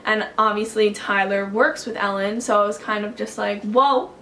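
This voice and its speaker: A woman vlogger telling a story to camera at home in an excitable, chatty way, full of "like". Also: mid-range voice, moderate pace, a little hiss or hum. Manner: excitable and chatty, heavy use of "like".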